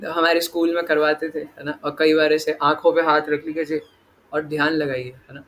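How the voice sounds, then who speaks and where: At a moderate pace and with a flat, slightly bright, higher-pitched voice, a devotional teacher gives a conversational scripture class over a little hiss or hum. He often seeks agreement with "right?" and dramatizes inner voices as dialogue.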